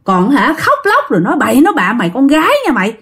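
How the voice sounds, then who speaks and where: A woman putting on a shrill, bossy village scold. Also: very animated, brisk.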